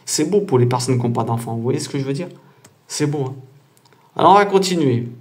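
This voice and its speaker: Speaking fast in a mellow, medium-pitched voice, this man teaches patiently from a diagram in a casual way. He moves through it one step at a time and keeps checking comprehension with repeated "d'accord?"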